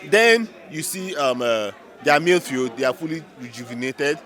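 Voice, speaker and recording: A man's voice: fairly high pitch, expressive, normal speed, a bit bright. Emphatic Nigerian man giving football reaction. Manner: emphatic, repeats phrases for effect. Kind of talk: unscripted football punditry.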